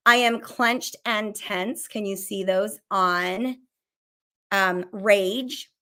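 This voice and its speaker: A middle-aged woman counselor hosting a show, teaching casually and talking fast in a chatty way, swearing now and then. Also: mid-range voice, bright, forceful tone. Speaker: licensed counselor hosting a mental health show. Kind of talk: casual teaching while sharing a screen.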